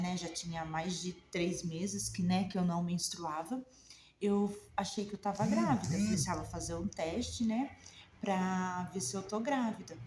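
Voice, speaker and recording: A woman in her forties with a Brazilian accent, speaking at a mid pitch and talking straight to her viewers. She tells her personal story emotionally and conversationally. The room echoes, and a faint background hiss sits behind her voice. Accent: Brazilian Portuguese. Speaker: naturopathic therapist. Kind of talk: personal story told to camera.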